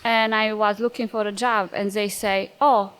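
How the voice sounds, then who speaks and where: A woman's voice: medium pitch, level tone, normal speed, fairly bright tone, smooth. Middle-aged Romanian-accented woman, chatty guest chef, loose non-native phrasing, easy laughs. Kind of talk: casual interview chat.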